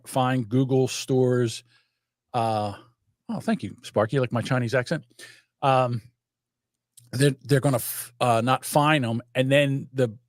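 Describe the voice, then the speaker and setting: This medium-pitched older man, a podcast co-host from South Jersey, chats casually and profanely, rambling through animated stories. The recording is dry and the studio sound clean.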